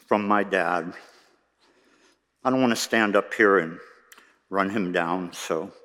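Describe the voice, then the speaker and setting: A man in his sixties, a worship associate, giving a gentle, reflective personal talk at a church service, with wry humor. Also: lowish voice, in a large hall.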